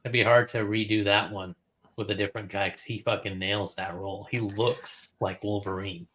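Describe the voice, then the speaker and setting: A man's voice: fairly low pitch, flat delivery, moderate pace, fairly bright tone. A man co-hosting a casual podcast, talking in a laid-back, blunt way with casual swearing. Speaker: podcast co-host. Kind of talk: casual chat.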